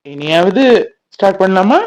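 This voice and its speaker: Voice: mid-range voice, expressive, normal speed, darkish tone, no echo, natural voice, low-quality recording. A performer voicing a playful young newlywed husband in a cartoon, teasing and bantering but easily flustered. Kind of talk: cartoon voice acting.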